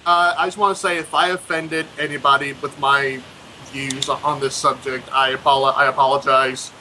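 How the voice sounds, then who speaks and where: A man on a live radio chat, talking haltingly and stammering often. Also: medium pitch, little pitch movement, sharp tone, a little hiss or hum, poor audio. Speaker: co-host.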